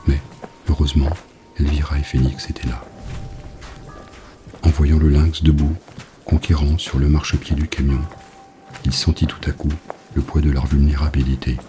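A man reading a novel aloud as an audiobook narrator, in a grave, measured way. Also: very deep voice, background noise.

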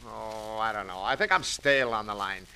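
An actor playing a sheepish, hesitant husband in vintage radio comedy style. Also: male voice, fairly low pitch, moderate pace, bright, forceful tone, smooth, rough recording. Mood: bemused. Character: bashful, plain-spoken middle-aged husband.

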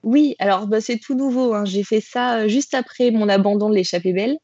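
A woman guest tells her running story in a loose, animated way, stumbling through fillers and restarts. Her voice is husky and slightly breathy. The recording is dry and a little dull, with no room sound. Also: medium pitch, fairly quick, no echo. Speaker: podcast guest, trail runner. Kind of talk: casual storytelling in an interview.

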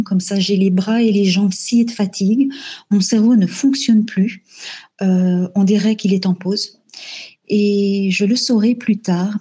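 A woman recounts her own story in the first person, pausing often on fillers and repeating words as she searches for them. Her voice is mellow and warm, with a husky, breathy edge. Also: mid-range voice. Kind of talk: first-person spoken testimony. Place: lives in Belgium.

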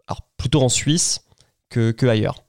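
A man's voice: medium pitch, moderate pace, creaky, background noise. A man hosting his own podcast, chatting enthusiastically about a show he recommends, with plenty of fillers and restarts. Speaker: podcast host.

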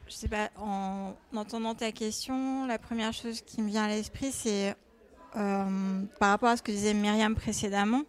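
A woman's voice: medium pitch, steady tone, normal speed, smooth. A woman taking part in a live roundtable, offering her ideas in a tentative, self-doubting way. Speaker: panel participant.

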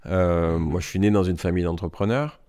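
A man's voice: low voice, brisk, warm tone, no room sound, clean studio sound. A man in his forties with a Marseille accent, a guest telling his story in a casual interview and restarting his sentences often. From Marseille, France. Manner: rambling storytelling with many restarts. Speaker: guest entrepreneur.

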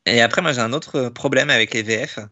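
A man hosting a podcast in casual chat, talking in an animated way with many restarts and fillers. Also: medium pitch, fairly quick, muffled recording. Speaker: podcast host.

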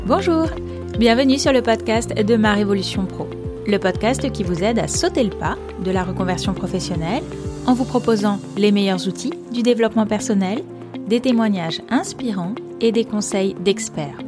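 A woman who is a career coach, hosting her podcast and introducing a guest in a clear, welcoming presenter delivery. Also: medium pitch, lively intonation, normal speed, music in the background. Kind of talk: scripted podcast intro and interview.

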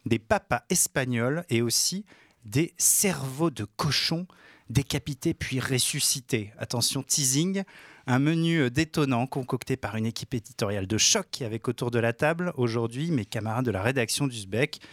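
Man, podcast host, teasing and playful, mid-pitched, dry close studio sound. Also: expressive, fairly quick, dry recording. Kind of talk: casual news podcast chat. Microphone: studio microphone.

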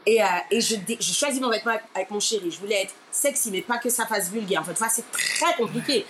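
Lively storytelling woman from Martinique. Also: mid-range voice, fast talker. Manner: expressive, acts out quoted people, keeps saying "ma chère". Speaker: interview guest, radio presenter. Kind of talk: animated personal storytelling. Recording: steady background noise.

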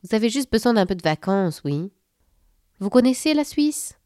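A woman playing a cocky male mouse with a belgian accent, teasing, pitched up, dry close mic. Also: big pitch swings, normal speed, a little mellow, no room sound. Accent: Belgian French. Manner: cocky, mocking, sprinkles "hein" and "là". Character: brash male Belgian tooth-fairy mouse, cheeky.

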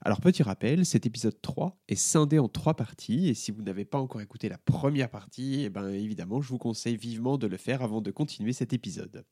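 A man hosting and narrating a children's story podcast in a gentle, calm manner. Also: medium pitch, fast, hardly any pauses, breathy edge, no echo, studio quality.

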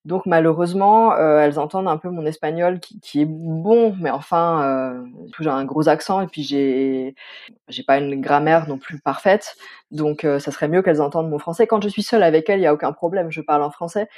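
A woman's voice: sits low, a little fast, a little mellow. A woman in her thirties, a guest chatting casually in an interview, hesitant with many fillers and restarts.

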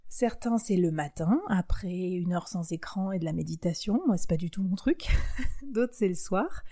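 A woman's voice: lowish voice, normal speed, mellow. A woman hosting a business advice show, talking in a chatty, enthusiastic way with frequent fillers and small laughs. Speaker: podcast host giving business advice. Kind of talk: casual advice monologue.

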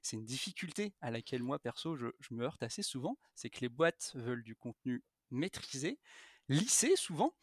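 A man talks as a podcast guest in an energetic, frank way, his pitch swinging up and down as he makes his points. He stumbles and restarts often and fills pauses with hesitations. The sound is dry and close, with no room echo. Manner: animated, frank, lots of fillers and restarts. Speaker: podcast guest, content strategist. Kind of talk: casual podcast conversation.

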